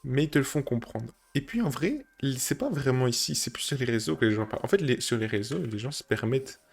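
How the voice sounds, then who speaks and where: A man talking casually to camera, thinking aloud with many fillers and restarts, seated indoors on a creaky chair. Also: mid-range voice, expressive, brisk. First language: French. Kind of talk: casual reflective monologue.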